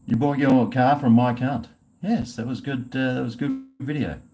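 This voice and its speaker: A man's voice: mid-range voice, moderate pace, mellow, rough recording. A man with an Australian accent chatting casually on a livestream, rambling and swearing in a blokey way. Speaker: live streamer chatting with viewers.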